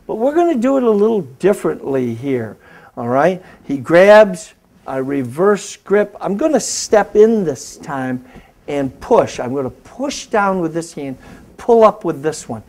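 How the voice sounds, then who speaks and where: Guy hosting a safety show, calls out self-defense moves step by step, kinda high voice. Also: big pitch swings, a little slow, a little mellow. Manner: coaching, giving step-by-step commands. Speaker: host and martial arts instructor. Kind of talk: instructional demonstration, talk show.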